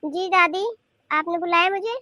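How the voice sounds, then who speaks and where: A cheeky young cartoon granddaughter talks back in a high, whiny voice, as a woman plays her. She argues and protests without letting up. The sound is dry and close. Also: fairly even intonation, normal speed, sharp tone, no echo. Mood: stubborn. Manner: talking back, whiny and argumentative. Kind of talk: cartoon voice acting.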